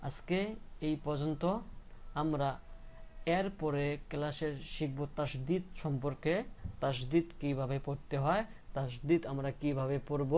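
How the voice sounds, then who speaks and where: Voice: mid-range voice, a little mellow, a little hiss or hum. A teacher giving a patient, repetitive, step-by-step reading lesson that spells out syllables and keeps checking understanding.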